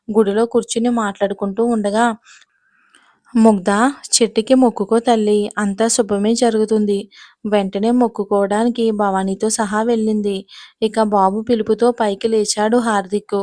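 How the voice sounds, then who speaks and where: A woman storyteller reading a romance serial as scripted narration, at an even pace. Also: mid-range voice, no echo, clean studio sound.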